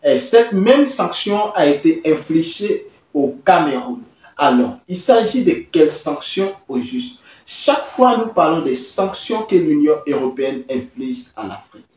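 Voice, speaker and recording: A man speaks in a slightly high voice at a very unhurried pace. He hosts his own channel and stops often on long "euh" fillers. His voice sounds roomy and a bit far from the mic. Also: sing-song, darkish tone. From Côte d'Ivoire. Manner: halting, many drawn-out "euh" fillers. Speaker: host. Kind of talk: hesitant talking-head commentary.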